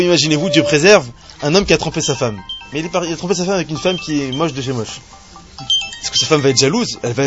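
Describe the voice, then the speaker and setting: A man teaching a live Torah class to a small group of students, animated and joking, asking rhetorical questions as he explains a text. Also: mid-range voice, lo-fi sound.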